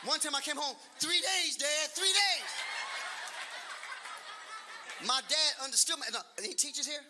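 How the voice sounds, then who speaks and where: A man in his late fifties doing stand-up comedy, loud and animated, repeating his punchlines and talking to the crowd. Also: very high voice, normal speed. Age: 50s. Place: comedy stage with a laughing audience. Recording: live show audio with audience noise.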